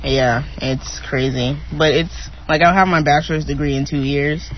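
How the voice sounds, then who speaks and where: A teenage man chatting casually in a group, talking fast with lots of "like" and frequent laughs. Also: fairly high pitch, steady tone, slight background noise. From Texas. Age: teens. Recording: dull lo-fi recording.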